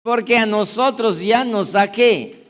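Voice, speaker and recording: A man's voice: sits high, slow pace, a bit bright. A man pastor giving a sermon, talking straight to his congregation with repeated rhetorical questions and insistent repetition. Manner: addresses the congregation directly.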